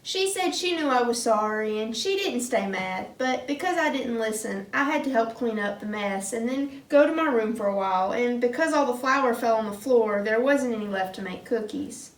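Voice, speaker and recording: A woman's voice: on the high side, expressive, natural voice. A woman voicing a clumsy, earnest little girl puppet in a church puppet skit, recorded from afar in an echoey room. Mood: sorry. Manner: slow, earnest, childlike. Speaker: puppet character in a kids class skit. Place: church classroom. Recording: roomy hall, mic far off.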